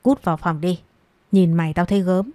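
A woman's voice: lowish voice, fairly quick, warm tone, dry recording, natural voice. A woman voicing a cruel, scornful stepmother. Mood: scornful scolding. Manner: harsh scolding, contemptuous taunts.

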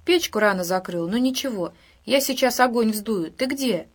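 A woman doing a hushed young village woman. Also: on the high side, animated, normal speed. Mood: tender. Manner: soft, hushed and coaxing. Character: warm, lonely village woman of 23.

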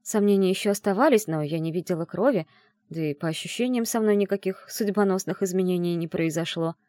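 A woman reading a first-person novel aloud in an expressive, emotional way. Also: fairly low pitch, a little fast, no echo, studio quality. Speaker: audiobook narrator.

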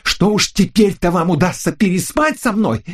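A man voicing a frantic young woman who screams furious accusations in a shrill voice. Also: very animated, normal speed, slight background noise.

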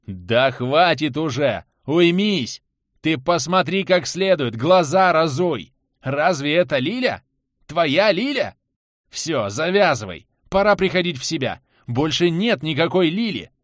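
A man voicing a gruff, blunt, tough male survivor in an audiobook. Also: medium pitch, expressive, moderate pace, no room sound, clean studio sound, lightly acted. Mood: shouting. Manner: blunt, scornful.

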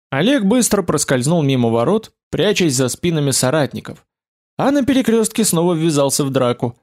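A man narrates an adventure novel for an audiobook. His delivery is steady and vivid, and his voice sits a little higher than most men's.

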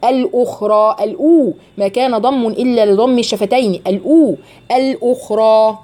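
A woman's voice: a little high, a little fast, dark tone. A woman with an Egyptian Arabic accent teaching Quran recitation one-on-one, patiently correcting and explaining pronunciation. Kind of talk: one-on-one tajweed lesson.

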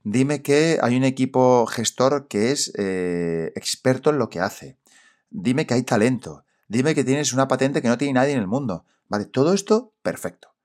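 A man's voice: mid-range voice, lively intonation, normal speed, darkish tone. A man with a Spanish accent from Spain hosts a solo podcast, talking straight to the listener in a colloquial, emphatic way, his voice sepulchral and congested with a cold. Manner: colloquial, emphatic, rhetorical questions and slangy asides. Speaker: podcast host and independent financial adviser. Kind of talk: solo podcast monologue, direct address to the listener.

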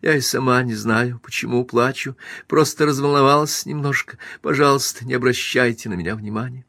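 A man reading a shy, tearful young secretary in an audiobook, lifting and softening his voice. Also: medium pitch, brisk, gravelly, no echo, clean studio sound, pitched above the performer's own voice. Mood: tearful, flustered.

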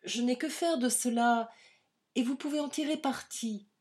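A woman's voice: on the high side, normal speed, darkish tone, pitched above the performer's own voice, natural voice. A woman reading the part of a devoted, tender-hearted young woman, speaking in an emotional, insistent way, for an audiobook. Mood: pleading.

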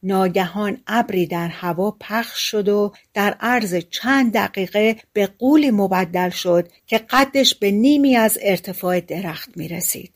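A woman narrating a fairy-tale audiobook in a calm, colloquial storytelling manner. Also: medium pitch, few pauses.

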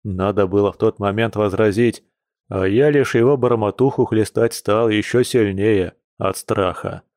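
A man doing a hungover werebear man, low and sorry for himself, who groans and moans through each line like he's dying. the voice sits low and the recording is dry and close. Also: normal speed, a little mellow, dry recording, lightly acted. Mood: groaning. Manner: groaning, mournful. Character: hungover male bear werewolf, gloomy and self-pitying.

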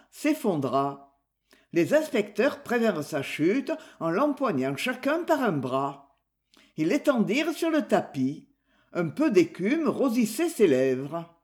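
A narrator reads a crime novel aloud at a slow, unhurried pace. The storytelling is measured, and the pitch moves freely up and down through the scripted narration. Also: darkish tone. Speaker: audiobook narrator.

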